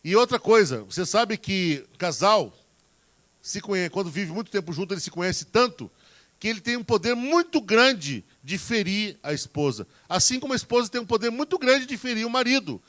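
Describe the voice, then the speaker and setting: A man's voice: high voice, big pitch swings, moderate pace, fairly bright tone. A man preaching a sermon on marriage, talking in a folksy, direct way to the congregation and acting out everyday examples in quoted voices. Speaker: preacher giving marriage advice.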